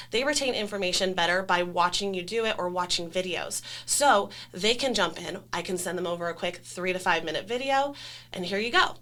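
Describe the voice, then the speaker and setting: A woman staff trainer explains procedures conversationally in a corporate training video interview, sounding enthusiastic and emphatic. Her voice is medium-pitched and a bit bright.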